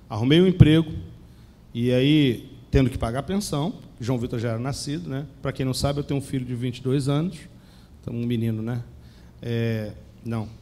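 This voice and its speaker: A man in his forties with a Rio de Janeiro accent, preaching a sermon and telling his own testimony with emphatic pauses and direct questions to the congregation. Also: mid-range voice, darkish tone. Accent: Brazilian Portuguese, Rio de Janeiro.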